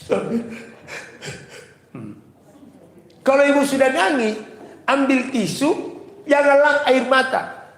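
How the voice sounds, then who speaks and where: A man's voice: extremely high pitch, slow, long pauses, fairly bright tone, reverberant, in a large hall. A man with a South Sulawesi accent preaching a humorous sermon, chanting Arabic prayers and joking with the women listening. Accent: South Sulawesi Indonesian. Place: mosque.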